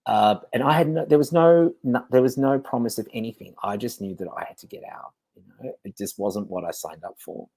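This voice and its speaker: A man's voice: medium pitch, brisk, hardly any pauses, warm tone, husky, dry recording. A man hosting a show, giving a candid, rambling confessional monologue and swearing freely. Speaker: host.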